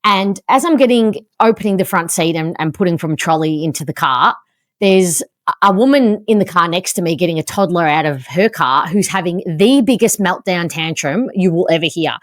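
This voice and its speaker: An Australian woman hosts a podcast and tells a mishap story with animated, self-mocking flair. Her voice sits slightly low for a woman. The sound is dry and close, with no room echo. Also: moderate pace. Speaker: podcast host. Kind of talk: casual chat, storytelling.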